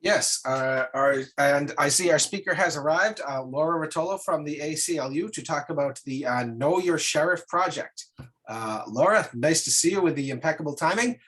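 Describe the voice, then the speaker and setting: A man's voice: a little high, normal speed, a bit bright. A man chairing an online meeting introduces the guest speaker in a casual, hesitant way, with many "uh"s. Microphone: video call.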